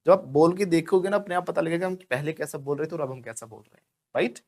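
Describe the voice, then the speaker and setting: A man's voice: on the high side, fast talker, a little mellow. A man with an Indian accent, a native Hindi speaker, teaching spoken English in a classroom and repeating words over and over for the class to copy. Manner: drills words by repetition, often asks the class to repeat. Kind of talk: classroom pronunciation lesson.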